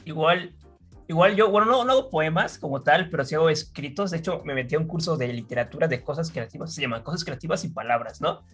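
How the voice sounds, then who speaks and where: A young woman chatting casually, relaxed and often searching for words. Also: deep voice, fast talker, husky, soft background music. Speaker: interviewer. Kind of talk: casual chat.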